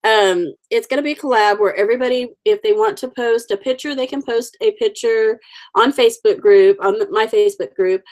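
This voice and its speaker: This livestream host is a woman with an Oklahoma accent and a voice on the high side, talking a little fast. She has the sniffles and chats casually with viewers, greeting them by name as she colors stamped cards.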